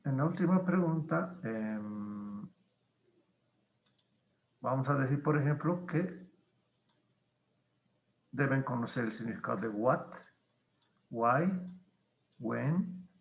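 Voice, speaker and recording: Guy teaching english, slow and patient, lots of ums, gravelly voice. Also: medium pitch, lively intonation, echoey room, lo-fi sound. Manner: patient, explains slowly with many pauses and fillers. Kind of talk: online class explanation.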